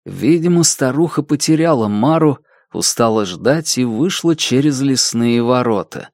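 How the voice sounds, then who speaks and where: Narrator for an audiobook, mid-pitched and expressive, with a dead-dry studio sound. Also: a little slow, no echo. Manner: expressive storytelling reading.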